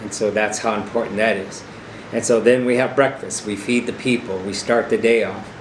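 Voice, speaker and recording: A man's voice: on the low side, normal speed. A middle-aged or older man giving an informal, earnest explanatory talk as a powwow arena director, stressing key points with repeated phrases. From South Dakota, United States. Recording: echoey room with clear steady background hum.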